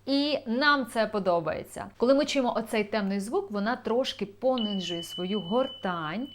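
A woman's voice: mid-range voice, moderate pace, noisy background. A young woman, a vocal coach, explaining singing technique in an enthusiastic video lesson.

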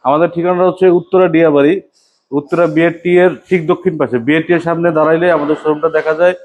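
A Bangladeshi man giving a slick used car sales pitch, repeating selling points and prices. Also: fairly even intonation, rapid-fire, phone-quality sound.

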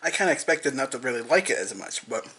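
Young man, bright voice, rambling food-taster chewing on camera, faint hum behind. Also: mid-range voice, sing-song, fast talker. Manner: rambling, repetitive, eats and talks with mouth full. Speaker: vlogger. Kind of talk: casual food-tasting vlog.

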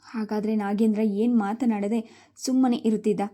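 A woman narrating a family story in a steady, earnest storytelling manner. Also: mid-range voice, normal speed.

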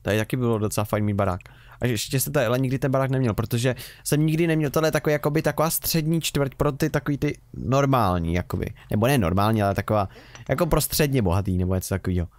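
A young man hosts a Let's Play, giving chatty, rambling, casual commentary while playing a game, full of wry, self-mocking remarks. His voice is mid-range, with no room sound.

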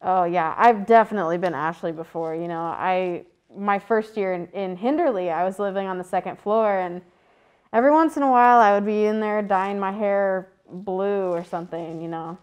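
A woman's voice: medium pitch, normal speed, a little mellow, clear, resonant tone. A young woman hosting a comedy talk show, casual and wry, laughing easily. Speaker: host.

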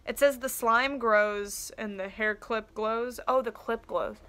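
A young woman in her twenties chatting casually through a toy unboxing in a small room, excitable and full of "um" and "like", filmed by a camera on her desk. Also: a little high, slow pace, slight background noise. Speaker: toy collector vlogger. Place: small indoor room lined with doll shelves. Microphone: camera on desk at close range. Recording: loud crinkling of plastic packaging. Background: crinkling packaging and clicks.

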